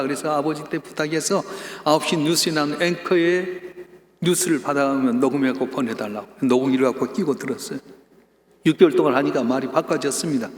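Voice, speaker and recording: A male pastor giving a Sunday sermon, telling a story at length and then building into loud, emphatic calls to the congregation. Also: a little high. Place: church sanctuary. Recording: echoey church hall with long reverb.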